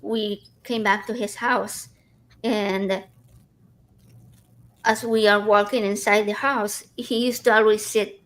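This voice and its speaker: A woman's voice: medium pitch, level tone, slow pace, pauses often, rough recording. Chatty woman with many restarts. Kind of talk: casual conversation.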